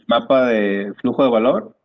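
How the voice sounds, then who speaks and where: A man's voice: mid-range voice, measured pace, lo-fi sound. A man, a graduate student answering in an online class, hesitant and searching for words over a video call.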